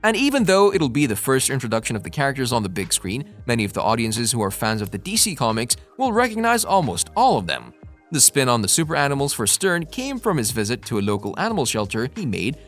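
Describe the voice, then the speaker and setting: A man's voice: mid-range voice, huge pitch swings, fairly quick, fairly bright tone. A man reading a scripted movie-news narration as the narrator. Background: faint music.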